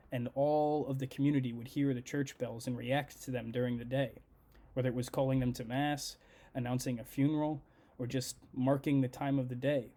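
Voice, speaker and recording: Earnest man with a soft, mellow voice. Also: mid-range voice. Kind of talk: prepared devotional message.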